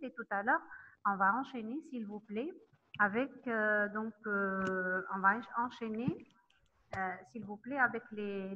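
A woman's voice: medium pitch, a little hiss or hum. Hesitant woman lecturer over a tinny line. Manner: halting, many fillers, checks in with students. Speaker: university lecturer. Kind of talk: online lecture.

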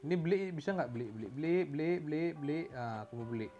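Male let's-play host from Indonesia, fairly high voice, playful engine-noise commentary. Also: lively intonation, quick pace, warm tone, muffled recording, faint music behind. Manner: playful, makes engine noises and mixes in English words. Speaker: gamer.

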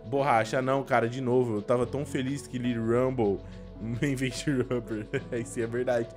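A young Brazilian man giving casual, slangy reaction commentary as a gaming YouTuber, expressive and prone to exclaiming. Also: medium pitch, moderate pace, over music. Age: young adult. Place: small indoor room at a desk.

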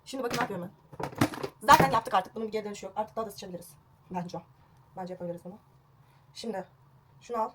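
A woman's voice: medium pitch, quick pace, pauses often, very noisy. A young woman vlogging a home haircut, chatty and self-mocking, recorded on a phone at home. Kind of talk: casual home haircut vlog. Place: at home indoors.

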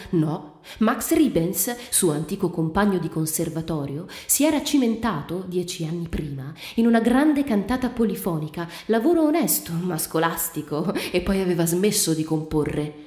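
A woman reading a literary short story aloud in a measured, even storytelling manner. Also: fairly low pitch. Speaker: reader. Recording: roomy reading with faint music.

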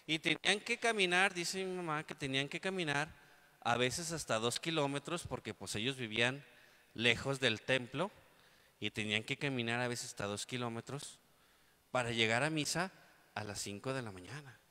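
A man's voice: mid-range voice, moderate pace, bright, forceful tone. A man with a Mexican accent preaching a sermon as a priest, telling stories and acting out the people in them. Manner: storytelling, acts out quotes. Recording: long reverb of a large hall.

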